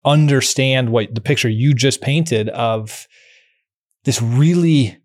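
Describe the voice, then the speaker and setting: A podcast host, a man, speaks at a middle pitch in a calm, measured way. He draws on his own reading to set up a question for his guest. The sound is dry and close, with no room echo. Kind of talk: interview conversation.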